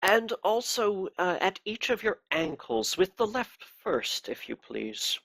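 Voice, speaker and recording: A man voicing a softly polite, menacing inquisitor in a tabletop game, formal and courteous as he interrogates. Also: high-pitched, big pitch swings, slow pace, creaky, pitched above the performer's own voice, heavily acted. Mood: coolly courteous.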